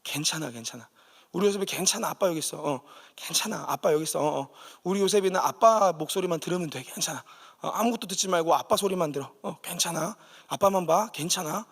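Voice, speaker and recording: A man voicing his late father softly comforting a frightened young son. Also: on the high side, fast, vocal fry, husky, big-room sound. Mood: soothing. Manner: soft, reassuring, repetitive hushing.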